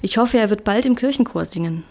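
A woman's voice: medium pitch, quick pace, darkish tone, close to an everyday voice. Indignant male priest, as a woman reader puts him on, scornful, storybook. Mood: earnest. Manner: self-assured, scornful. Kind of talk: audiobook character voice.

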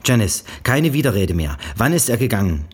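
A man's voice: lowish voice, big pitch swings, fairly quick, husky, voice pushed up. A man voicing a curt, domineering middle-aged mother who scolds her daughter over the phone, in a brusque, bossy manner. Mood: curt, scolding.

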